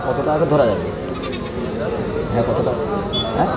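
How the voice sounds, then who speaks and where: A hoarse male preacher giving a sermon, telling stories and breaking into melodic chant. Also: medium pitch, expressive, normal speed, long reverb tail, very noisy. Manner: storytelling, voices quoted people, breaks into melodic chant. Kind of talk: Islamic sermon with chanted Arabic. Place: stage at a large religious gathering.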